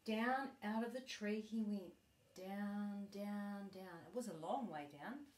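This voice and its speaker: A middle-aged woman reading a children's story aloud expressively, with deliberate emphasis for a young listener. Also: medium pitch, a little mellow, a little hiss or hum. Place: living room sofa, indoors. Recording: echoey living room.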